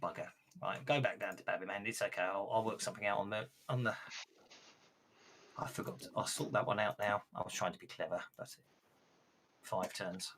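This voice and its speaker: A man's voice: fairly low pitch, fairly even intonation, brisk, a bit bright, slight background noise. A man running a tabletop game as game master, chatting and laughing with players. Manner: chatty, frequent restarts and laughs.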